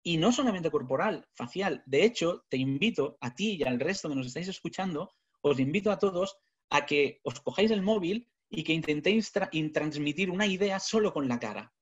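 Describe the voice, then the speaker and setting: A man, a communication trainer, giving a webinar talk over a video call, animated and full of rhetorical questions. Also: a little high, fairly quick, slightly rough. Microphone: webcam video call. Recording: dull lo-fi webinar audio.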